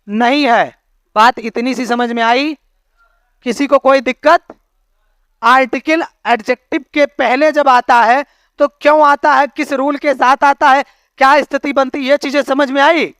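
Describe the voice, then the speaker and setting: A man's voice: extremely high pitch, a bit bright, dry recording. Male teacher, classroom lesson, keeps checking understanding, dry close sound. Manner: explains with homely analogies, keeps checking understanding with questions. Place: classroom with students.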